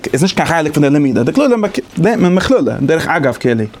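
Fast-talking male lecturer. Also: a little high, very animated, a little mellow, slight background noise. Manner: explains conversationally, thinking aloud. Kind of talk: lecture on interpretation methods.

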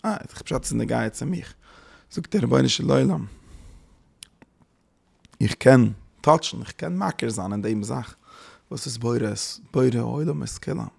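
A man giving a spoken religious lecture as a teacher, halting and searching for words, often dropping in English terms. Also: medium pitch, creaky, husky.

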